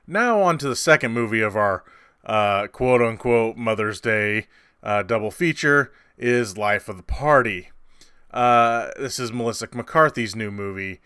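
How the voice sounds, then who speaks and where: A man's voice: fairly low pitch, animated, measured pace, pushed and bright, clear, resonant tone, no room sound, clean studio sound. A man hosting a casual movie review, rambling and conversational with many fillers and restarts, and sarcastic at times.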